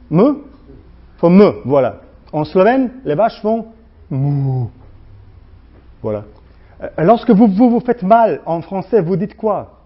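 Slovene guy w slavic accent lecturing, highish voice, lots of uh and restarts, muffled lo-fi rec. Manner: halting, many restarts and fillers, acts out sounds. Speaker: guest lecturer. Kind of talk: university lecture.

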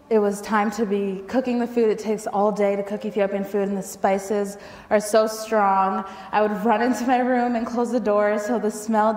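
A woman's voice: on the high side, a little mellow. Young woman telling a story in a hall. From Michigan, United States. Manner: casual and conversational, with frequent ums and light laughs. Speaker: storyteller at a food event. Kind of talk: personal storytelling talk. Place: lecture hall with projector screen. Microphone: lapel mic. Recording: reverberant hall.

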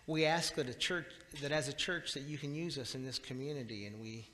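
Middle-aged pastor, earnest halting prayer, mid voice, long church reverb from the back. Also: male voice, mid-range voice, fairly bright tone. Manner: earnest, halting with repeated words. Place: small church sanctuary, indoors. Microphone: far camera at the back of the church. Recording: reverberant church hall, faint room hiss.

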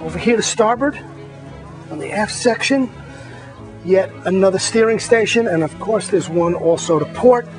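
With a high-pitched voice, a man who edits a magazine leads viewers around a boat, cheerfully highlighting each feature in turn.

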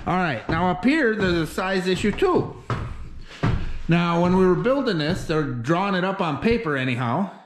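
Casting: middle-aged homesteader man, folksy and plainspoken, voice sitting a touch high, action-camera sound inside a bare wooden barn. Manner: folksy, plainspoken, rambling with fillers. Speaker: homesteader vlogger. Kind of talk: casual walkthrough talk. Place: outdoors in snow, then inside an unfinished wooden barn loft. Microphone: handheld or head-mounted action camera.

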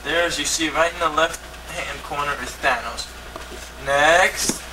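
A man's voice: a little high, a little slow. A man showing off his comic collection in a put-on TV-presenter voice, recorded on an old VHS home video. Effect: old VHS home video tape. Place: home, indoors. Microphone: camcorder mic across the room. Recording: hissy old VHS tape, mic far off.

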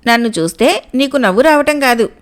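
A simple, pushy fisherman from a storybook, voiced by a woman reading the tale. He keeps pressing his questions and wants answers now, in a high, bright voice. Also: expressive, fairly quick. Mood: insistent. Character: simple, demanding male fisherman, grown man.

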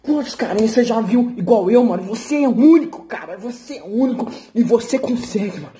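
A man's voice: very high-pitched, animated, fast talker, warm tone. A young man, an athlete vlogger, giving a brash, profane, slang-filled motivational rant and boasting about himself.

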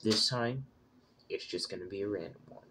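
A man with a fairly low voice hosts a casual cooking vlog. He keeps up joking, self-mocking asides as he works. Loud noise runs under the whole recording. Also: moderate pace. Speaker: cooking vlogger.

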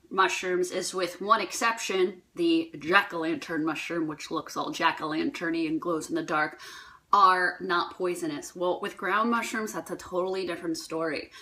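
This New Jersey woman, a holistic health vlogger, speaks at normal speed with a fairly low pitch and a sharp edge. She rambles along in a chatty, playful way, showing viewers how she forages for mushrooms and cooks them in a casual vlog.

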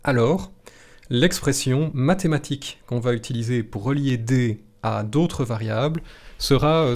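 A man's voice: mid-range voice, darkish tone. A man hosting a live statistics lesson, explaining a formula step by step. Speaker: host.

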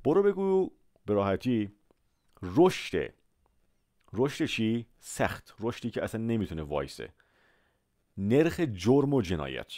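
A man with a low voice teaches English words in a Persian-language lesson. His voice swings animatedly, and he stretches out each example so listeners can repeat it. The sound is dry and close to the mic. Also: big pitch swings, mellow, dry recording. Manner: slow, drawn-out model pronunciations of English words; repeats words and asks listeners to say them after him.

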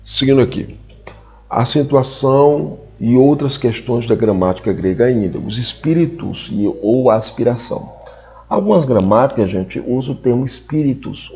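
A man with a Brazilian Portuguese accent teaching a recorded lesson, slowly repeating example words and checking in with frequent tag questions. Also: medium pitch, dark tone, slightly rough. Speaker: Greek language teacher. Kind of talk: recorded classroom lecture.

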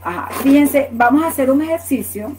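This live online language lesson features a Latin American woman with a high, somewhat mellow voice who talks fairly fast. She patiently teaches English words in Spanish, checks understanding with "ok?" after each point, and addresses viewers' questions by name. The audio is low quality.

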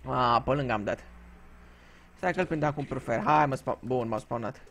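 A man's voice: mid-range voice, fairly bright tone. A man from Romania giving casual gameplay commentary, telling crude, joking stories and swearing freely. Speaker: gaming YouTuber.

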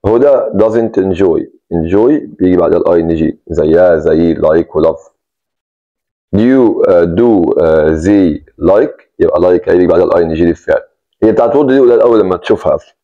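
A man's voice: sits low, fast, narrow, tinny audio. A man with an Egyptian Arabic accent teaching an English grammar lesson, explaining step by step and repeating key points. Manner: explains step by step, repeats key words, stresses "take care".

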